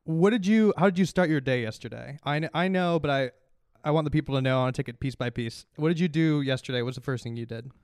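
Relaxed man, slightly higher voice, calm casual podcast host joking around, close dry sound. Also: fast talker, clean tone, no echo. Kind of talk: casual comedic podcast banter.

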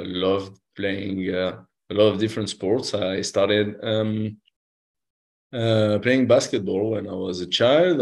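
A man's voice: on the low side, darkish tone. A man from the French Basque Country with a French Basque accent, answering casually as a podcast guest and hesitantly searching for his words.

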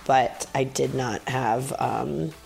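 A tired woman with vocal fry, hosting a podcast in a casual, candid, self-deprecating and rambling solo monologue. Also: rumbling low, fairly even intonation, takes it slowly, darkish tone, rough recording. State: tired from travel and talking. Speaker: podcast host. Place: bedroom in a condo, sitting in bed.

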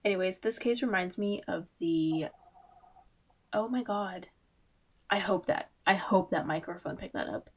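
A woman's voice: fairly low pitch, a little slow, pauses often, slightly rough. A young woman hosting a casual true-crime chat, talking in a loose, rambling way with frequent asides and ums. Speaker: podcast host.

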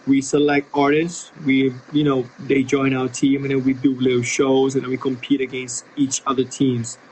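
A man's voice: medium pitch, completely flat delivery, moderate pace, darkish tone, a little hiss or hum, rough recording. A man from Thailand, a rapper guest, talking in a laid-back, slangy, rambling way over a video call while tired from being up at night. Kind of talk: casual interview chat.

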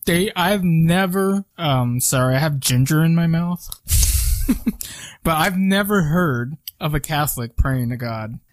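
A man co-hosting a podcast, talking in a conversational, halting way with frequent restarts. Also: on the high side, lively intonation. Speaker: podcast co-host. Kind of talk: casual chat.

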